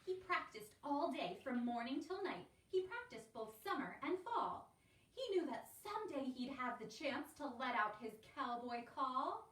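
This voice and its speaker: Speaking at normal speed in a high, very animated and fairly bright voice, a woman runs an elementary music lesson for young children on a home livestream. She is encouraging and sing-song with them. The sound is roomy and distant, carrying a faint background hiss.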